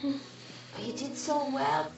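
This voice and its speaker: A woman's voice: high voice, slow pace, creaky, music in the background. A female midwife from the English Midlands, coaching a mother through labour with repeated short, encouraging urgings. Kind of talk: coaching a birth. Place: hospital delivery room. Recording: roomy distant lo-fi sound.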